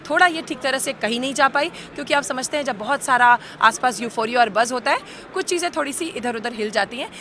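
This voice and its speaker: A woman representing a university, explaining herself to reporters in a measured way, mixing in English terms. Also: sits high, bright, forceful tone, a little hiss or hum. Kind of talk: press statement to reporters.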